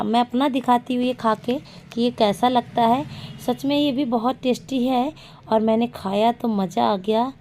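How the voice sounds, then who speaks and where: Slightly high and dark in tone, this mother of young children narrates her casual cooking vlog in a homely, playful way from her home kitchen. The recording has a little hiss or hum.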